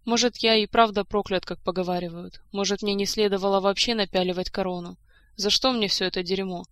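A woman's voice: mid-range voice, fairly even intonation, a little fast, a bit bright, no echo, lightly acted. A woman voicing a grieving, despairing adult king who speaks in long, weary, bitter outpourings.

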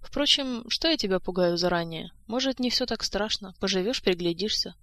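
A woman's voice: medium pitch, lively intonation, moderate pace, fairly bright tone, close to an everyday voice. A woman reading the part of a frank, wary young court lady, speaking in a confiding, cautionary way. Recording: dry close-mic studio sound.

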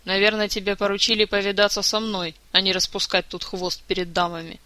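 A narrator voicing an injured, foul-mouthed man who rants and swears in a slightly hoarse voice, in an audiobook. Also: high-pitched, level tone, fairly quick, no echo. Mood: grumbling. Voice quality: slightly hoarse, shouting curses. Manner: ranting, insulting, swearing. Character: furious wounded man, foul-mouthed and grumpy.

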